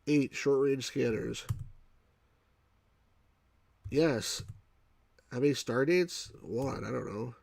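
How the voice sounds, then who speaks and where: With a mild New York accent, this game reviewer thinks aloud and answers his chat during a relaxed live playthrough. His mid-range voice is creaky and a little mellow, moving at a slow pace with frequent pauses. No room sound is audible.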